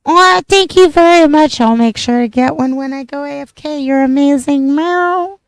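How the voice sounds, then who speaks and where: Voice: sits high, moderate pace, dry recording, studio quality. A streamer with a cute, playful, cat-like manner, chatting affectionately and gushingly to viewers while gaming. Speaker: variety game streamer. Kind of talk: cute playful livestreamer chat with cat-like meows.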